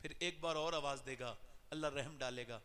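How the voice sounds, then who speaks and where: A man preaching an emotional sermon, his voice swinging sharply from loud cries to low, hushed passages. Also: clean tone. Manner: impassioned, sweeping swings in pitch and loudness. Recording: long reverb of a large hall.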